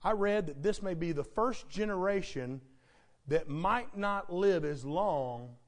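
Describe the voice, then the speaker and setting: A male pastor preaches with rising, repeated emphasis. His voice sits very high and swings widely in pitch, and he takes his words slowly. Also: expressive. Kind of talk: sermon.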